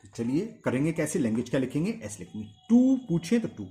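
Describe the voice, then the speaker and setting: Male maths tutor, somewhat high and very lively in pitch, walks pupils through steps. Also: fast, soft background music. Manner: asks questions and answers them himself, repeating steps. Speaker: maths teacher. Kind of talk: blackboard-style maths lesson.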